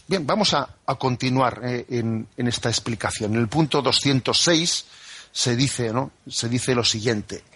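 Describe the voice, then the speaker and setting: A man from Spain, a priest explaining the catechism on a radio program, who talks in an unhurried, conversational way and keeps checking in with "¿eh?" and "¿no?". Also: medium pitch, a bit bright, breathy edge, no room sound. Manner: unhurried and conversational, full of "¿eh?" and "¿no?" tags. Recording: dry studio radio broadcast.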